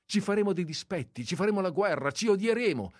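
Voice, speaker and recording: A man reading aloud and voicing a sharp-tongued, flirtatious society lady in a mocking, teasing tone. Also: expressive, fast talker, dry recording, studio quality. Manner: mocking and teasing, raised pitch.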